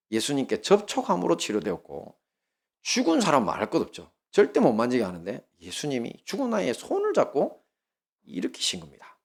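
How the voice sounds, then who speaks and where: This pastor's voice runs on the high side. He's a man with a Gyeongsang Korean accent, delivering a sermon that mixes lively storytelling with questions to his congregation.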